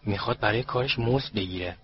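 A man voicing a timid, fretful female house-elf servant with a high squeaky voice and anxious, deferential manner, in a lo-fi audiobook recording. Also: a little hiss or hum, lightly acted. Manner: anxious, deferential, keeps saying sir.

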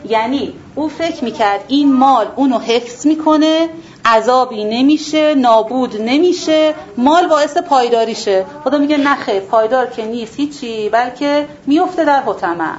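Higher-voiced woman teaching a Quran class. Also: darkish tone. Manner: asks and answers her own rhetorical questions, repeats words for emphasis. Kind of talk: explanatory religious lesson to a class. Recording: dull lo-fi recording with faint background noise.

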